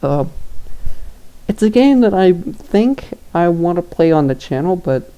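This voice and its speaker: A man's voice: high-pitched, big pitch swings, a little slow, dark tone, clean tone. A young man giving casual tier-list commentary, rambling and hesitant with lots of fillers and chuckles. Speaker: YouTuber ranking games.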